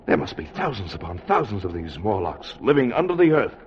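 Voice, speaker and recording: A man's voice: on the low side, big pitch swings, brisk. A man acting a resolute scientist in a 1950s radio drama, urgent and authoritative, with a declamatory delivery. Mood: grave. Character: resolute, commanding male scientist leading an expedition. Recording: muffled, noisy old radio broadcast.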